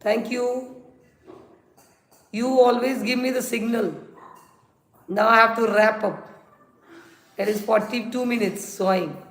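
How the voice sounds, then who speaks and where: Female teacher, Indian accent, live-stream lesson. High, gravelly edge, instructive and repetitive delivery, echoey room. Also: steady tone, slow pace, pauses often. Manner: instructive, repeats examples and rules. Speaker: English grammar teacher. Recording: roomy echo, faint noise and clicks.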